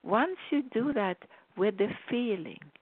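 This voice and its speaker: A woman's voice: mid-range voice, lively intonation, breathy edge, no room sound. A woman speaking as a spiritual guide in a soothing, repetitive way, moving between inspirational talk and guided relaxation. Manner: unhurried, soothing, repetitive phrasing. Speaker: spiritual author and meditation guide. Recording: dull, narrow phone-like sound.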